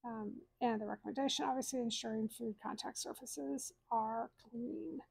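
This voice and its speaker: A woman's voice: on the high side, normal speed, creaky, darkish tone, husky, dry recording, rough recording. A woman in her thirties hosting a cruise channel, reading scores aloud in a friendly, explanatory way from a room at home. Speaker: cruise vlog host. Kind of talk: casual walkthrough of data.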